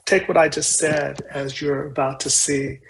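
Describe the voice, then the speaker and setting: A man giving an earnest, measured talk as a conference presenter, pausing as he speaks. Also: fairly high pitch, level tone, gravelly, a little hiss or hum, low-quality recording. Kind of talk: reflective presentation.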